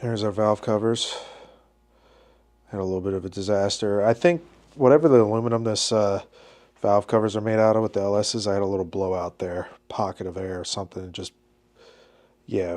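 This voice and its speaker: A congested man, his voice low-ish, a little mellow and moderately paced, talks through his car project in a messy home garage shop. Suffering a head cold, he keeps it casual, musing aloud and starting over mid-thought.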